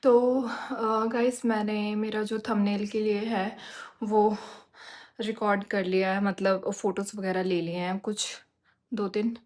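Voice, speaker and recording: A young woman vlogging casually from home, telling stories in a chatty, animated way. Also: medium pitch, slow pace. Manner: chatty, animated storytelling with Hindi-English mixing. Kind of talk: casual chat.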